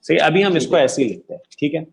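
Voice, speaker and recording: A man's voice: on the high side, lively intonation, gravelly. A man teaching an online Arabic grammar class, quizzing students patiently and affirming their answers. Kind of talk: interactive online class lecture.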